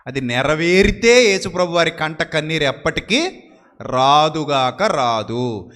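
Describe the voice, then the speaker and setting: A man preaching a sermon who keeps asking his listeners rhetorical questions and slows down sharply to stress scripture phrases. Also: fairly high pitch, expressive, a bit bright.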